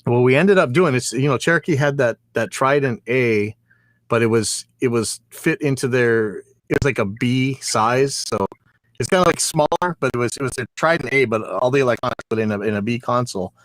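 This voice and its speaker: A man with a medium-pitched voice tells stories in a casual chat. He rambles along, circling back over his phrases. The sound is dry, with very little room in it. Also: brisk, dry recording, poor audio. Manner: rambling, repeats phrases as he goes. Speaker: recording engineer. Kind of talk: casual chat, anecdotal storytelling.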